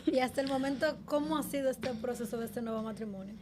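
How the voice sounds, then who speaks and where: A woman's voice: fairly high pitch, fast talker, background noise. Woman host asking short questions. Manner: short prompting questions and agreement. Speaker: podcast host, interviewer. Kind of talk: interview questions.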